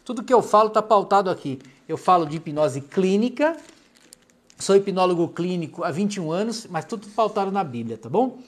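A middle-aged Brazilian man with a fairly high voice hosts a live stream as a clinical hypnotherapist, chatting casually through viewer comments. He speaks in a Brazilian Portuguese accent, chatty and affectionate, often dropping his voice softly to talk to someone off camera. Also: expressive, fairly quick.

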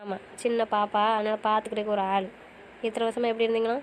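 A woman playing a quick-tongued young wife in an audio romance series, talking back in pouty banter. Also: medium pitch, flat delivery, a little hiss or hum, lightly acted, low-quality recording. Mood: sulky, playful. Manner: fast, pouty back-talk.

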